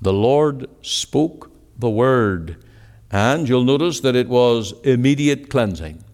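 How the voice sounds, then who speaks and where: Slow, emphatic preacher in a reverberant hall. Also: male voice, lively intonation, darkish tone. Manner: emphatic, rising to exclamations then dropping low. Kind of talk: evening gospel sermon. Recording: long reverb of a large hall.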